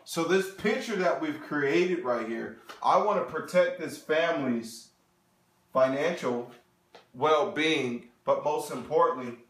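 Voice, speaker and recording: A man in his thirties giving a sales seminar presentation, animated and talking straight to the audience with frequent check-ins. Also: fairly high pitch, slow pace. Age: 30s. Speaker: financial presenter. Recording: echoey room.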